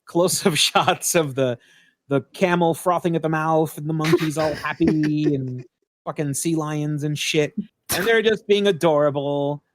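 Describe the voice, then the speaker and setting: A man's voice: a little high, measured pace, no room sound. A man on a podcast, casually and animatedly retelling a film's plot with swearing and filler words. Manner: animated, profane storytelling with fillers. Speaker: podcast co-host. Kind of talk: casual film-review retelling. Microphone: podcast mic.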